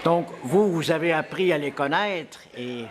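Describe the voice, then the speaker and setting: A man interviewing a guest, asking questions hesitantly with many filler pauses. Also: on the high side, crowd noise. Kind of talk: casual interview.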